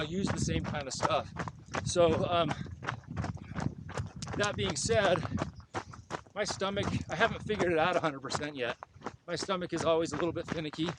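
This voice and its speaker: Podcast guest, man, easygoing and full of fillers, higher voice, audible noise behind. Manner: easygoing, lots of ums and you-knows. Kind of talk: casual conversational advice. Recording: noticeable background noise.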